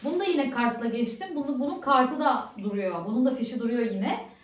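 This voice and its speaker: A woman's voice: high voice, animated, brisk, echoey room. A woman vlogger chatting casually at home, talking on in an upset, ranting way. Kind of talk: casual vlog chat.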